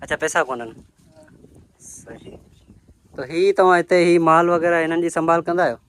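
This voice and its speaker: Man interviewing in the fields, voice a bit high. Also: moderate pace, fairly bright tone. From Sindh, Pakistan. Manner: asks short questions and repeats each answer back. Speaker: village vlogger interviewing workers. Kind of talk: casual interview and talk to camera. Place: outdoors in village farmland.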